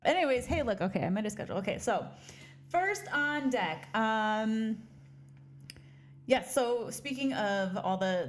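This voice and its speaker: On a casual podcast, a woman co-host rambles and laughs a lot in a giggly, self-deprecating manner, wearing headphones at a studio mic. Her voice is medium-pitched, and there is slight background noise.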